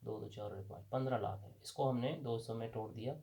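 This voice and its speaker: A man's voice: mid-range voice, steady tone, fast, vocal fry, dark tone. A man with a Pakistani Urdu accent teaching a language lesson at a board, patiently asking questions and answering them himself.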